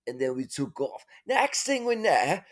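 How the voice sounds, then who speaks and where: Rambling high-voiced man telling a wild story. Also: very animated, a little slow. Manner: rambling, many fillers and tag questions. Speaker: father telling an adventure.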